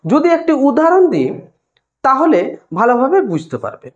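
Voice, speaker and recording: Female tutor with a West Bengal Bengali accent, bright high voice with a lot of rise and fall, patient step-by-step lesson delivery, dull lo-fi recording. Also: wildly swooping pitch. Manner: explains step by step, addresses students directly; sounds out single sounds slowly.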